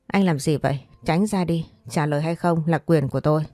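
A woman voicing a calm, defiant young woman who answers with curt retorts. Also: sits low, brisk, no echo, clean studio sound, lightly acted. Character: cool-headed young woman, sharp-tongued and defiant.

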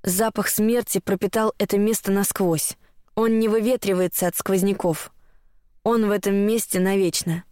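A woman narrating a horror story in the first person, in a measured, tense storytelling manner. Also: medium pitch, fairly even intonation, dark tone, smooth, no echo, studio quality.

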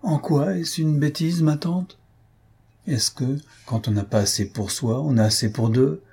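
Reading an audiobook, a man takes on the full character voice of a stern, practical middle-aged aunt, pitching himself well above his natural register. She scolds and lectures bluntly, firm and cutting. His delivery is on the high side and a little slow, creaky, slightly rough, and a little mellow.

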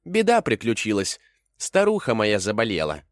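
A man voicing a sly, lively male rabbit in a storybook reading, with a high, chirpy voice. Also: normal speed, no echo, clean studio sound. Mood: feigned sorrow.

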